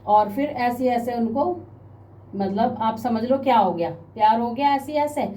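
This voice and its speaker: A woman telling a story to her viewers, indignant and animated, often asking the audience questions. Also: on the high side, unhurried. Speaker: vlogger. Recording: a bit distant, faint background noise.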